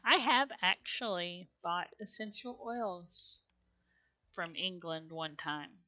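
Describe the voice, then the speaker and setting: Slow-talking Southern woman streamer, bright voice. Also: lowish voice, dull audio. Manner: chatty, rambling, mutters to herself, laughs often. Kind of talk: casual gameplay commentary.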